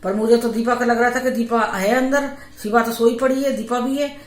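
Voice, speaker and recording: A woman's voice: a little high, normal speed. A middle-aged woman vlogger casually telling a true haunted story from her family's life, acting out what each person said. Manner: animated, acts out quoted family voices. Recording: echoey home room.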